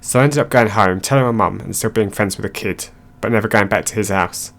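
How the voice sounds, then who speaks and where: A man with a fairly low voice reads stories aloud. His delivery is plain and steady, like someone working through a list of online posts. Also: brisk, creaky. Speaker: narrator.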